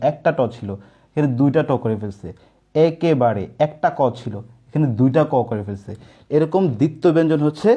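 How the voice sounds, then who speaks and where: Mellow-voiced male tutor. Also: mid-range voice. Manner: explains step by step, asks the class questions; casual, colloquial asides to students. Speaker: teacher. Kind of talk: online coaching lecture.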